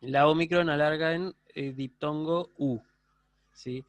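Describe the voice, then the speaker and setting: A man with an Argentine Spanish accent teaches a university class online, laying out each point patiently and often pausing to check in with "¿sí?". His voice sits a bit high. The recording is close and dry. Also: steady tone, no echo. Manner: explanatory, checks in with frequent "¿sí?". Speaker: university lecturer. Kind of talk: online lecture.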